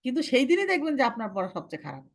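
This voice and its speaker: A young woman with a slightly high voice leads a recitation class. She gives firm, step-by-step instructions and slows right down to model each sound for her students. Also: sing-song. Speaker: Quran recitation teacher.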